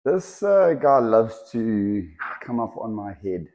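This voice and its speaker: A man showing off a lively python outdoors on camera, chatty and laughing, talking to the snake as it wraps around his clip-on mic. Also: on the low side, slow pace, rough recording. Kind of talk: casual hands-on video chat. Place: outdoors in the sun. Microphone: clip-on mic the snake keeps wrapping.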